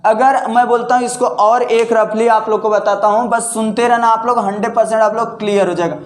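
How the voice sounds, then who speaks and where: A man's voice: high voice, fairly even intonation, a little fast. A man teaching a chemistry lesson, asking questions aloud and answering them himself. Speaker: chemistry tutor. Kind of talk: classroom-style lesson. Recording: echoey room.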